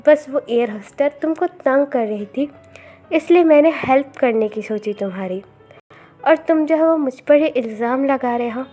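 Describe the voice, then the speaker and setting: A woman's voice: sits high, lively intonation, moderate pace, warm tone, faint music behind. A woman voicing a sulky, jealous young man who answers angrily in a storybook read-aloud. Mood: angry. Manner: angry, huffy.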